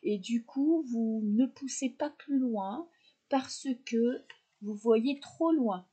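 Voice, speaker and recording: A woman chats through a tarot reading, speaking directly to her viewers and pausing on fillers as she thinks. Her voice sits fairly high but sounds dark and mellow. There is a husky grain to it. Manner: chatty, addresses viewers directly, many fillers. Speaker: tarot reader.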